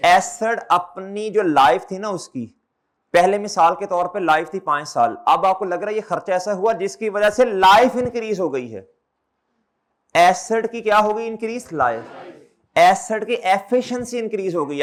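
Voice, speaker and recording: High-voiced male accountancy teacher lecturing. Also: lively intonation, normal speed. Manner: repeats questions back to students; calls students brother and children. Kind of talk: classroom lecture.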